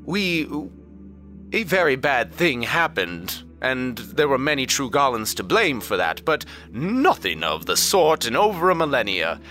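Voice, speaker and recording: A man voicing a small, short-tempered and pompous male cleric official with a high, fussy, indignant voice. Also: very animated, measured pace, sharp tone, soft background music. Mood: defensive.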